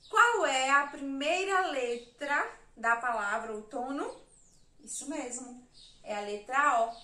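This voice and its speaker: A woman's voice: sits high, sharp tone. A Brazilian woman teaching young children in a remote lesson, patiently counting letters and syllables aloud. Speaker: primary school teacher. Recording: echoey room, mic at a distance.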